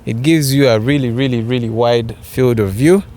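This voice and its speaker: A man's voice: medium pitch, moderate pace, a little mellow. A young man with a Ugandan accent giving a casual camera review vlog, a bit hesitant and repeating his words. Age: young adult. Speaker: photography vlogger. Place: open grassy yard outdoors.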